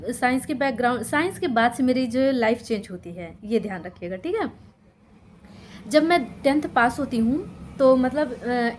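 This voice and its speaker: Speaking in a high, slightly mellow voice over faint background noise, this young woman shares her life story with her audience. She's a teacher and YouTuber from Sultanpur district, Uttar Pradesh, India, and keeps it casual, frequently checking in with viewers.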